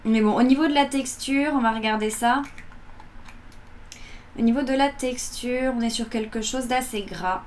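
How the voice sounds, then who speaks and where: A woman's voice: fairly high pitch, moderate pace, a little mellow. A woman in her early twenties chatting informally as she presents beauty products in a casual vlog review. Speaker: beauty box unboxing vlogger. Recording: electric fan noise in background. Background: whirring electric fan.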